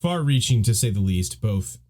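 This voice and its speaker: A man's voice: on the low side, big pitch swings, moderate pace, mellow. A man co-hosting a podcast, talking casually and with animation, and mimicking characters when he quotes them. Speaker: podcast co-host.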